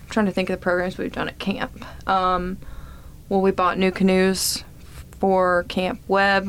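Woman guest explaining stuff, flat steady voice, lots of ums, slight hiss behind. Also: mid-range voice, unhurried. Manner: friendly, explains with many ums and restarts. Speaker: foundation representative, guest. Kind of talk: casual interview chat.

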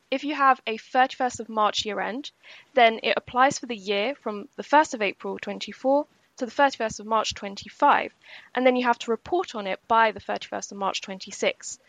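A woman co-hosting a podcast, reading a scripted pension news summary in a measured, explanatory way. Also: a little high, gravelly, a bit bright, dry recording. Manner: measured and explanatory, slowing for key points. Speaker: podcast co-host.

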